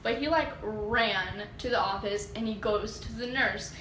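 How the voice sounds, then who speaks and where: A woman's voice: mid-range voice, a little slow, a bit bright, a little hiss or hum. A teenage girl casually telling a story to camera, chatty and full of "like", acting out quotes with sass. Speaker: storytime vlogger. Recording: echoey room.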